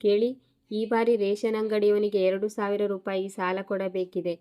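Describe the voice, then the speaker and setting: A woman's voice: medium pitch, level tone, moderate pace, warm tone, lightly acted. A woman voicing a worn-out wife who complains bitterly about money in a story reading. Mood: complaining.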